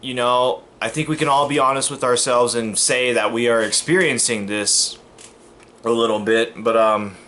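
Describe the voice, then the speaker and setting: A man's voice: medium pitch, fairly even intonation, normal speed, bright, forceful tone, slight background noise. Rambling American man vlogging to camera. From United States. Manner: rambling, repeats himself, many fillers and restarts; earnest, emphatic. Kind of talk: casual monologue to camera.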